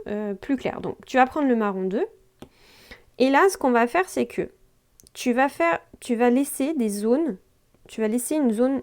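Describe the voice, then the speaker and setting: A woman's voice: a little high, darkish tone. A young woman, hosting a screen-recorded drawing tutorial and speaking to the viewer in a chatty, informal way, often checking in as she goes.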